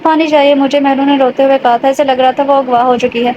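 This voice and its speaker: A woman's voice: sits high, flat delivery, a little mellow. A woman narrating a romance audio novel, reading every character's lines in her own voice. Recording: dull lo-fi recording with faint noise.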